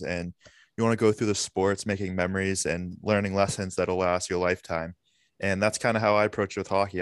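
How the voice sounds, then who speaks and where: Young male podcast guest, clear and smooth, dry close sound, measured and earnest. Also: low voice, no room sound. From Massachusetts. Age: young adult. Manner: earnest, measured, frequent fillers. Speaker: podcast guest, college hockey player. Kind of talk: casual interview answers.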